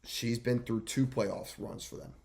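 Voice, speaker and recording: A twenty-five-year-old man chatting casually as a podcast co-host. His voice sits in an ordinary middle pitch. He rambles through stories and repeats lines for emphasis. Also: steady tone, unhurried, gravelly, darkish tone. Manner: rambling storyteller who repeats phrases.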